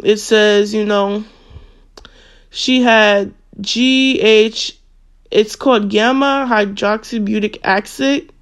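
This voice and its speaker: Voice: mid-range voice, a bit bright, smooth. A social media commentator talking casually, reading a string of text messages aloud with frequent fillers and self-corrections.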